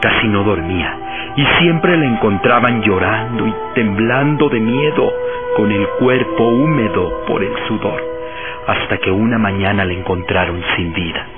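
An actor playing an earnest professor telling an eerie tale in a radio horror drama, deliberate and suspenseful. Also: male voice, on the low side, lightly acted. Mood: ominous. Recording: tinny narrowband radio drama under loud music.

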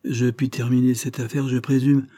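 Fussy, exclamatory country lawyer, read by a man, dark husky voice, Victorian audiobook. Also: mid-range voice, flat delivery, moderate pace, voice pushed up, lightly acted. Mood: fretful.

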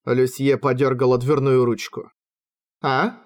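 A man narrating a fantasy audiobook in a steady, measured reading, recorded at home on a close microphone. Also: medium pitch, no echo.

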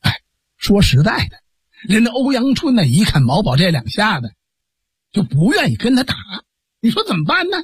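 A man performing a traditional story, dramatic and lively, with asides to listeners. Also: sits high, normal speed, husky, no echo, studio quality.

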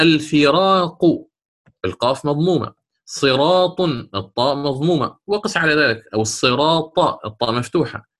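A man's voice: a little high, fairly bright tone. Patient male tajweed teacher. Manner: patient, explanatory, repeats key points; slow, chanted recitation of verses. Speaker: Quran recitation teacher. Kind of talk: online tajweed lesson.

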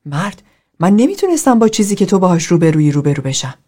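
A woman's voice: lowish voice, big pitch swings. A woman doing an exasperated, agitated man. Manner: loud, exasperated, fast. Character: agitated man, baffled group member.

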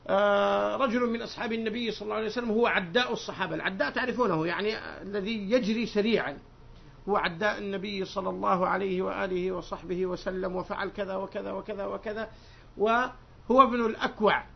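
A man teaching as a sheikh, reading narrations aloud in a raised voice, then explaining them to his students in a lower conversational tone and putting questions to them. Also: fairly even intonation, quick pace, vocal fry, slight background noise. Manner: digressive, asks the students questions. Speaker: sheikh teaching a hadith book. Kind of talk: classroom lesson reading and explaining texts. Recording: dull lo-fi lecture recording.

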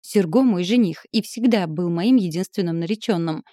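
A woman's voice: on the low side, normal speed, mellow, no room sound, clean studio sound, close to an everyday voice. A woman reading the lines of a flustered, indignant young noblewoman, raising her voice above her narration. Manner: pleading, then sharply indignant. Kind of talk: audiobook character reading.

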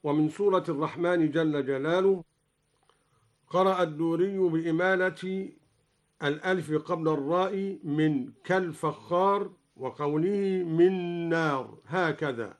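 Slow, formal male radio scholar. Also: fairly high pitch. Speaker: radio presenter of Quran readings. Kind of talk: scholarly explanation of recitation variants.

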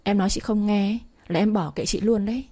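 A woman's voice: mid-range voice, quick pace, warm tone, lightly acted. A woman voicing a patient, polite young village man. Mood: weary. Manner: polite, apologetic, firm.

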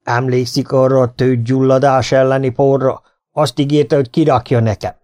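A man doing a gruff, bossy old farmer. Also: mid-range voice, little pitch movement, warm tone, close to an everyday voice. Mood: scolding. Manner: growling, scolding, bossy. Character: gruff domineering older male farmer, towering. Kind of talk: audiobook character voice.

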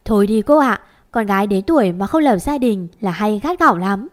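A woman's voice: medium pitch, lively intonation, normal speed, lightly acted. A woman voicing an old grandmother who scolds fondly and gives homely advice. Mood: chiding.

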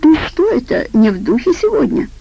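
A woman reading an audiobook voices a cowardly, fawning man with a squeaky, nervous, ingratiating way of talking. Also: sing-song, a little fast, creaky, mellow, slightly rough, full character voice, low-quality recording.

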